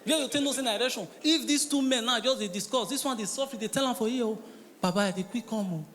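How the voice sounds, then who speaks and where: A man's voice: very high voice, fast talker, a little hiss or hum. A man with a Nigerian Pidgin accent doing stand-up comedy, telling stories and acting out the characters in them. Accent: Nigerian Pidgin English. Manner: animated storytelling, acting out characters. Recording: reverberant hall.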